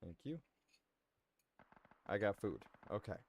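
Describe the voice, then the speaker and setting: A man's voice: fairly low pitch, expressive, takes it slowly, slight background noise. A man streaming a shooter game live, chatting casually to his viewers as he plays. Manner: casual, chatty, talking to chat. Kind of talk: live gameplay commentary.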